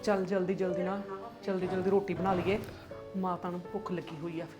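A woman's voice: lowish voice, flat delivery, dull audio, music in the background, close to an everyday voice. A young woman acting as a kind elder daughter-in-law who coaxes and soothes in a family drama. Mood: coaxing. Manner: fast, soothing, coaxing.

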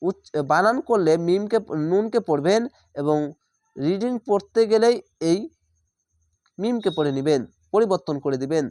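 High-voiced man teaching Quran spelling. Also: animated, a little mellow, no echo, clean studio sound. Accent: Bangladeshi Bengali. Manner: spells letters and vowel marks one by one, then recites slowly. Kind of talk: spelling-out Quran recitation lesson.

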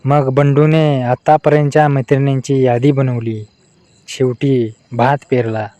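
A man reading out a string of short adult jokes in a flat delivery. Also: medium pitch, a little slow, no room sound. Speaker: joke narrator.

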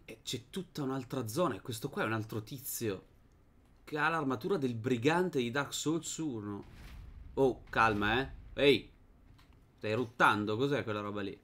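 A young man giving casual let's-play commentary as host of a gaming channel, chatting to his viewers and to the game's characters, and breaking into high shouts in fights. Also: measured pace. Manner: excitable, bursts into high shouts during fights.

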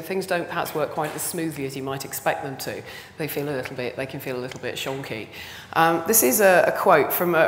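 British female conference speaker, hoarse honking voice with a cold, exceptionally low, in a reverberant hall. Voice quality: hoarse, honking half-lost voice. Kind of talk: conference talk. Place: large indoor conference hall stage. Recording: echoey hall, background noise.

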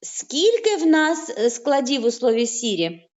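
Woman teacher w/ fairly high voice, draws words out slow for little kids, muffled call audio. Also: sing-song, a little mellow, slight background noise. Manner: slow, drawn-out syllables when saying words aloud; patient, encouraging praise. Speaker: primary school teacher. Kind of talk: online lesson for young children. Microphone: video call.

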